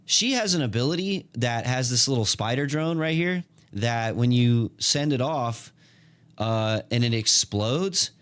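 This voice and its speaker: A man giving casual, excited gameplay commentary, full of slang, fillers and restarts. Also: medium pitch, measured pace. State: hiccuping. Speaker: gaming content creator.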